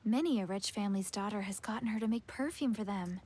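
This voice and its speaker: An actress voicing a composed young fortune teller in a video game, measured and politely reserved. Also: female voice, mid-range voice, darkish tone, husky, natural voice. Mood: composed, informative. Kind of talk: anime video game character acting. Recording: music behind the voice.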